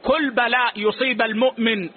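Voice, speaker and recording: A man, a religious scholar, giving a lesson and answering questions in a measured, authoritative way, closing each answer with a short word. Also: very high-pitched, fairly even intonation. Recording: tinny phone-like lo-fi recording.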